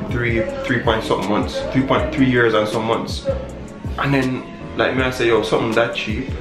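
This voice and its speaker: A man's voice: medium pitch, steady tone, moderate pace, echoey room, music in the background, poor audio. A young man with a Caribbean accent chats casually and slangily to his viewers, vlogging from a gym locker room. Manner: slangy, conversational. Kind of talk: casual vlog chat to viewers.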